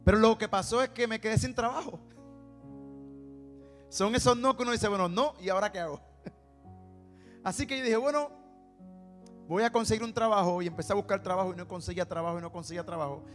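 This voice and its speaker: A man with a Puerto Rican accent and a high voice, preaching in a church sanctuary with a long reverb trailing his words. He tells his testimony as a story, acts out both sides of each conversation and repeats words for weight. Soft instrumental music plays faintly underneath. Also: brisk, pauses often. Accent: Puerto Rican Spanish. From Puerto Rico. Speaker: preacher and singer. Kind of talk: sermon with personal testimony.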